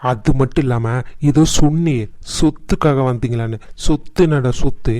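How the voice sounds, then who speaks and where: Man playing a furious cartoon brother, mellow low-ish voice, heated scolding. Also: moderate pace, dry recording, natural voice. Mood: angry scolding. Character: angry grown man scolding his brother, quick-tempered. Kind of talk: cartoon voice acting.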